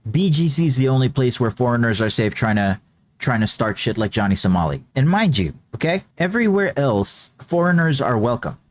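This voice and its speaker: A man's voice: medium pitch, very animated, fairly quick. A man with a Filipino accent giving casual, blunt reaction commentary as a streamer, swearing freely and slipping into Tagalog. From Philippines. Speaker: VTuber streamer reacting to news.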